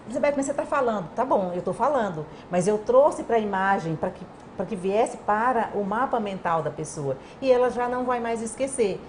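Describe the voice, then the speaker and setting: Animated woman explaining communication. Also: mid-range voice, normal speed, hardly any pauses, slight background noise. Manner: animated, acts out quoted dialogue. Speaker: guest communication expert. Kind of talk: explanatory interview talk.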